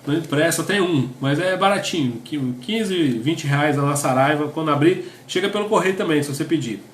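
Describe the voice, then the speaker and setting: Speaking at a normal pace in a fairly high voice, a middle-aged Brazilian pastor with a Brazilian Portuguese accent teaches couples conversationally. The room sounds roomy, with slight background noise. He reads definitions aloud and often closes sentences with "né?".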